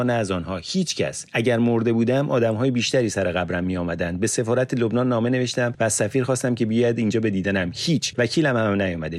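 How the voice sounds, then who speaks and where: A man voicing an embittered male prisoner in an audiobook, agitated and complaining, shouting in bursts. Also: low-pitched, slightly rough, dry recording, clean studio sound, heavily acted. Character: bitter, defiant male prisoner under interrogation. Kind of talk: audiobook character reading.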